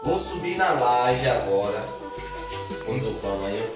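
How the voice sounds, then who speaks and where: A man in his thirties from Salvador, Brazil, chats to his viewers in a casual family-vlog manner. He pokes fun at himself and restarts his sentences. His voice sits at an ordinary middle pitch. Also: sing-song, measured pace, echoey room, music in the background. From Salvador, Bahia, Brazil. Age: 30s. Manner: chatty, self-mocking, repeats and restarts. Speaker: family vlogger.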